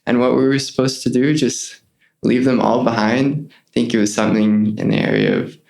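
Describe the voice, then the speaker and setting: Earnest young man with gravelly voice. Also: medium pitch, normal speed. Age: young adult. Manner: earnest, animated retelling with quoted voices. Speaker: guest, returned missionary. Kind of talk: conversational interview storytelling.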